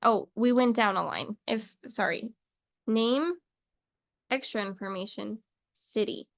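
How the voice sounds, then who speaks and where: A woman's voice: fairly high pitch, slow pace, gravelly, no room sound, studio quality. A young woman teaching a casual English lesson to camera, chatty and playful, wandering off into little asides.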